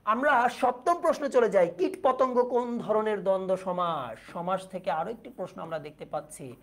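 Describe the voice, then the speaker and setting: A woman's voice: mid-range voice, moderate pace. Female tutor for a livestreamed exam-prep class: patient, explains step by step, quizzes students, reads their comments aloud. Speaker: teacher.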